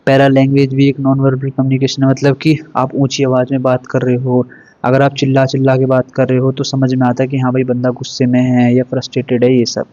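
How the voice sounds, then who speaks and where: A man with a dark, mellow voice gives an exam revision lecture in a casual, chatty way. He keeps posing rhetorical questions and checking in with students. The recording is dry and a little dull. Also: mid-range voice, monotone, fairly quick, dry recording. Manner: informal, repetitive fillers, rhetorical questions. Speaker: teacher.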